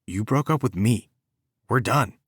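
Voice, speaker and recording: A man's voice: medium pitch, lively intonation, measured pace, breathy edge, no echo, studio quality, voice pushed up. A male audiobook narrator voicing a weary, fed-up teenage boy who speaks bluntly.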